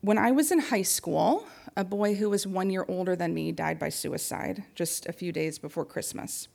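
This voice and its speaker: Woman with a creaky voice giving a talk. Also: on the low side, normal speed, a little mellow. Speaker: speaker giving a talk on grief support. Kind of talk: prepared public talk.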